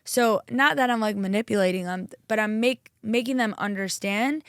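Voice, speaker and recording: A woman's voice: mid-range voice, normal speed, fairly bright tone, smooth, no room sound, clean studio sound. A young woman chatting casually as a podcast guest, upbeat and full of fillers. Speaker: chiropractor and guest.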